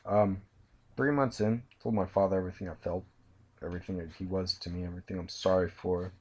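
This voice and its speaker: A tired young man recounting his life story from bed, speaking haltingly with many pauses and restarts. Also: sits low, steady tone, a little mellow. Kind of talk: personal storytelling. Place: in bed at home.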